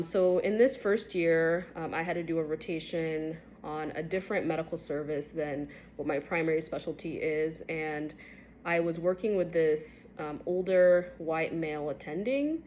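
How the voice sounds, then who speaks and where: A medical resident in her twenties, originally from Kenya, recounts a personal experience to camera, candid and conversational and full of fillers. When she reaches shocking moments her pitch goes up, and the low-quality recording has slight background noise.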